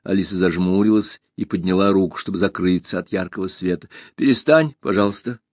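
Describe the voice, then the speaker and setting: Man calmly reading a storybook. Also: deep voice, fast talker, dry recording, studio quality. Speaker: narrator. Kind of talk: storybook narration.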